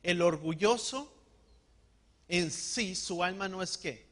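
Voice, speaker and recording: A man preaching a sermon, calling on the congregation to repeat words after him and slowing down to stress key words. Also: high-pitched, a bit bright. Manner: call-and-response, has the congregation repeat words. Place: church hall.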